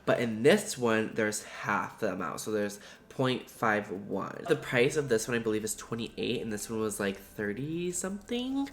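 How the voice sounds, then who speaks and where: A man's voice: medium pitch, slight background noise. A man with a stuffed-up, nasal voice, chatting in a gushing, slangy way as he reviews makeup in a vlog. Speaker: beauty vlogger.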